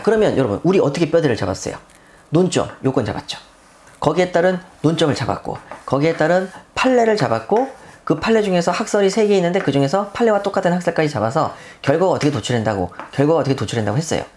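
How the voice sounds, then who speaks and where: A woman's voice: sits low, darkish tone. A middle-aged woman teaching civil law for exam prep, asking rhetorical questions and answering them herself, with emphatic repetition.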